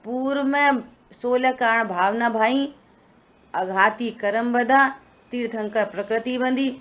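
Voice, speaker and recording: A woman's voice: a little high, slow, fairly bright tone. A woman teaching a scripture study session, explaining points and answering her own questions. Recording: dull lo-fi recording.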